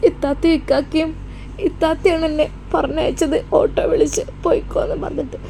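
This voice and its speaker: A woman's voice: sits high, little pitch movement, brisk, vocal fry, dark tone, slight background noise. A woman voicing a frightened but hopeful young wife in a spoken story, earnest and prayerful, with a Malappuram Malayalam accent. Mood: anxious.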